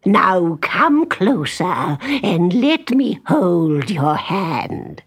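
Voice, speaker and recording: A woman voicing a sly, greedy male wolf in a storybook reading, with a gravelly, drawn-out voice. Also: on the low side, very animated, heavily acted. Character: sly male big bad wolf, sweet-talking and greedy. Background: background music.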